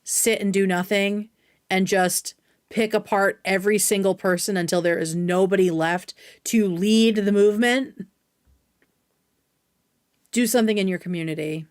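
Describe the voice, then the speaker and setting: An American woman hosts a livestream reacting to clips, her medium-pitched voice unhurried and full of pauses. Her commentary is casual, opinionated, blunt, and sweary.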